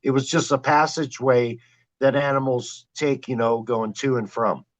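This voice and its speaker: A man guesting on a podcast, telling his wildlife camera stories in an animated, excited way. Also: mid-range voice, normal speed. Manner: excited, animated retelling with quoted exclamations. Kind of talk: storytelling in a podcast interview.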